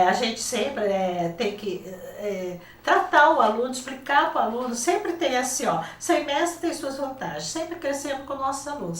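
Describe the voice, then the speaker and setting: Older Brazilian woman, teacher guest; animated storyteller who voices her quotes, fairly high voice, roomy, off-mic studio sound. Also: distant mic. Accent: Brazilian Portuguese. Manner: lively, acts out quoted dialogue. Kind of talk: casual interview storytelling.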